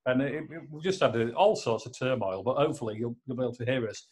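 A man hosting a casual podcast from his home office. He rambles and jokes, restarts his sentences and fills gaps with "uh". His voice sits at a middle pitch. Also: fast talker, a little mellow. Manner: rambling, joking, lots of fillers. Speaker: podcast host. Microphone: laptop.

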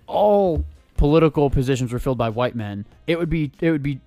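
A man co-hosting a podcast, explaining his view in a measured way with some stammered restarts. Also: a little high, lively intonation, mellow, no echo, faint music behind. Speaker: podcast co-host. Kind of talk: casual political chat.

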